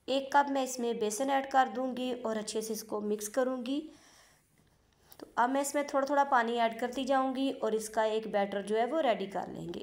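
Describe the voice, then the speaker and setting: A woman with a slightly high voice walks viewers through a home recipe step by step. Her delivery is steady and instructive, with polite asides to the audience, recorded close as a voice-over. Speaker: cooking channel host.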